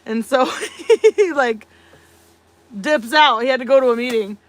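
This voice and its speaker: A woman's voice: high voice, lively intonation, a little slow. A woman co-hosting a casual live stream, chatty and laughing often as she tells long stories full of fillers. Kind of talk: casual chat.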